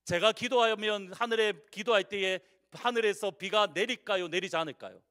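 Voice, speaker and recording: In a church sanctuary, a Busan-born pastor speaking with a Busan Korean accent delivers a sermon at normal speed, his voice pitched high. He questions the congregation directly, moving from booming proclamations to quiet, softened endings.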